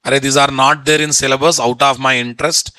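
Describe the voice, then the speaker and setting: A man's voice: mid-range voice, level tone, fast talker, pushed and bright, smooth, no room sound. A middle-aged man with a Telugu Indian accent teaches an informal online class bluntly, repeating phrases and asking rhetorical questions. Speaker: software instructor. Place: indoor room, online video call.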